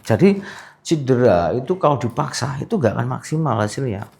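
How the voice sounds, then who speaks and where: Guy massage therapist, super animated voice, keeps teasing and laughing with his patient. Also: mid-range voice, fairly quick, creaky. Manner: teasing, coaxing, laughs often. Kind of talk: casual treatment-session chat.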